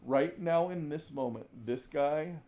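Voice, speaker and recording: Reviewing basketball footage, this coach talks at a measured pace in a slightly high voice. His delivery is chatty, he restarts sentences a lot, and he sometimes calls out examples loudly.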